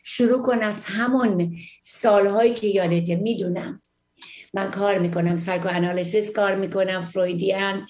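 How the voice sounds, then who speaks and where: A woman psychologist on a call-in TV show, warmly reassuring viewers and calling them dear. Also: medium pitch, reverberant. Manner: warm, reassuring, uses terms of endearment. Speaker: psychologist answering viewer questions. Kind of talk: call-in TV advice talk.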